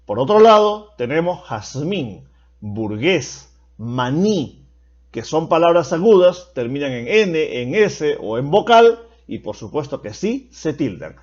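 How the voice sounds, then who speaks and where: A man with a fairly high, animated voice gives a slow, patient lesson, repeating key points so students follow. The recording sounds dull and lo-fi. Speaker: teacher.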